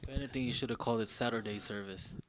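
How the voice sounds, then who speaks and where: A man's voice: mid-range voice, very fast, fairly bright tone. A man co-hosting a casual podcast chat, teasing his partner sarcastically and prodding him with questions. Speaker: podcast co-host.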